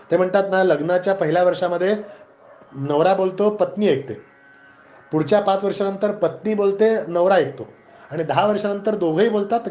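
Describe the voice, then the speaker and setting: A man with a Marathi accent giving a devotional discourse, chanting verses slowly and then retelling the story in lively, joking everyday talk. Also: sits high. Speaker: spiritual discourse speaker. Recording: dull lo-fi recording.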